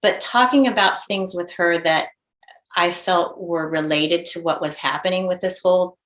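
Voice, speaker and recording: A woman in her forties, a mother and interview guest, telling a personal story in an earnest, halting way with many restarts. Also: on the low side, a bit bright. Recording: roomy echo.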